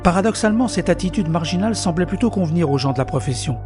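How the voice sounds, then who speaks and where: A man's voice: high-pitched, lively intonation, quick pace. A man narrating his own story in the first person in an audio drama, bitter and introspective. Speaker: narrator and lead character. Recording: soft music underneath.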